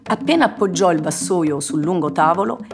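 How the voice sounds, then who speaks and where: Woman reading a story, low voice. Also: lively intonation, normal speed, over music. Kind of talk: scripted narration.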